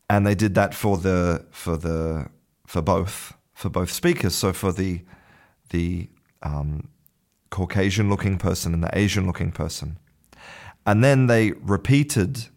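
A low-pitched man teaches an English lesson, explaining in a measured way and often repeating words while he searches for the next one.

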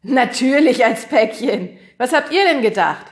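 A woman reading an audiobook, voicing a jovial, joking rich middle-aged man who talks loud and hearty. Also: a little high, moderate pace, pitched above the performer's own voice, close to an everyday voice. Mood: jokey.

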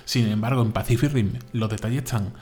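A man from Spain with a Spain Spanish accent, co-hosting a podcast in casual, animated chat, full of fillers and repeats. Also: on the low side, brisk. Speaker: podcast co-host.

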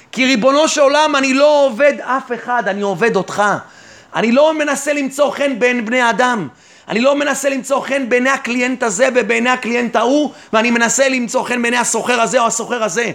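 A rabbi with a strikingly high, fairly bright voice preaches a fervent sermon on faith and trust. He speaks straight to the listener, firing off rhetorical questions and answering them himself.

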